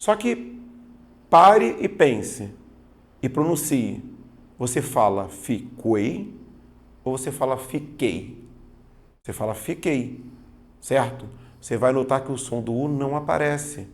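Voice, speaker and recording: Here the Portuguese grammar teacher speaks a little slowly, with a mid-range voice, lively intonation and long pauses. He explains exam material patiently, stresses his spoken examples, and keeps checking comprehension with "certo?" and "tá vendo?".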